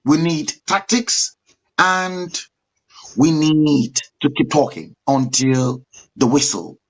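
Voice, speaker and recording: A man's voice: on the high side, takes it slowly, dull audio. A man co-presenting a talk show, speaking courteously with hesitations. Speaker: co-host.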